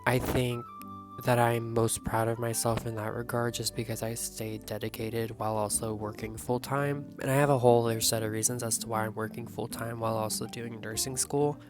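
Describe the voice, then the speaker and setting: A young woman vlogging casually, hoarse and coughing, rambling excitedly and swearing freely. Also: rumbling low. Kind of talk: casual vlog talk. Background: background music.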